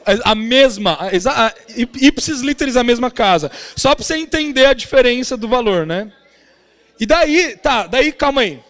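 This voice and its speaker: A young adult Brazilian man preaching as a pastor, telling a family story in an animated way and often ending phrases with a tag question. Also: very high-pitched, moderate pace. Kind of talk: sermon storytelling. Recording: long reverb of a large hall.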